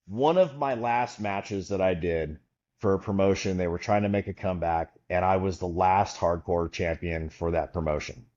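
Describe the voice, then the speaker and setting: Heard through dull audio, a man with a low voice talks at a normal pace. He's an animated podcast guest telling a long, casual story, taking on the voices of the characters he quotes.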